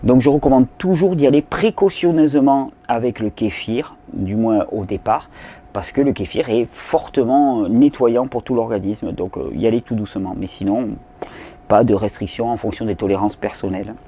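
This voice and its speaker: Answering viewer questions in a relaxed spoken Q&A, this host talks loosely, with plenty of fillers and repeated words. He has a dark, mid-range voice and a moderate pace.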